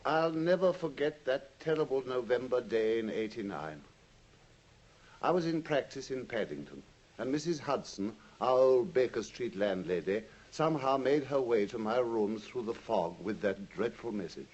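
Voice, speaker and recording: An actor playing an anxious, loyal Victorian doctor with an upper-class English accent, earnest and well-spoken in 1950s radio drama style. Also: male voice, mid-range voice, expressive, moderate pace, a little mellow, highs cut off, close to an everyday voice. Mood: grave, recollecting. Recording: faintly noisy 1950s radio recording.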